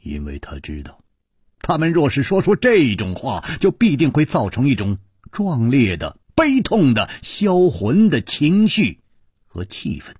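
Husky male storyteller with swinging pitch. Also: huge pitch swings, unhurried, no echo, studio quality. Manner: dramatic, swings between loud and hushed. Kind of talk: storytelling reading of a martial arts novel.

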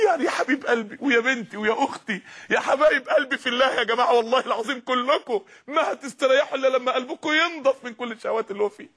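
High, husky Egyptian man preaching passionately. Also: very fast. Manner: impassioned, pleading, at times shouting. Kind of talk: sermon to young people.

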